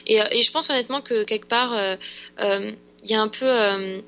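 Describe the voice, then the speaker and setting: A woman's voice: medium pitch, fairly even intonation, a little fast, a bit bright. A young French woman, an actress, chatting in an interview, hesitant with many fillers and restarts. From France. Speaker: actress in Los Angeles. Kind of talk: casual interview chat.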